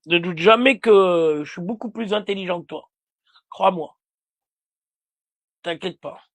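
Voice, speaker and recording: A man's voice: high-pitched, unhurried. A man livestreaming a heated, insulting rant aimed directly at a rival, repeating himself often.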